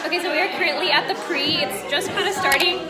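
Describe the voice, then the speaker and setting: A woman's voice: very high voice, quick pace. A tipsy, giggly young woman vlogging casually in party chatter, speaking into a phone held at arm's length. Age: young adult. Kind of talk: casual vlog chat. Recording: loud music and crowd chatter behind.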